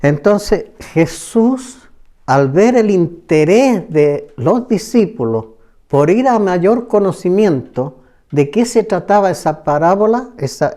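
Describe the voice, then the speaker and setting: Slow, emphatic man teaching scripture. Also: a little high, warm tone. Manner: slow, emphatic, repeats phrases. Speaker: preacher. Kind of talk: Bible study teaching.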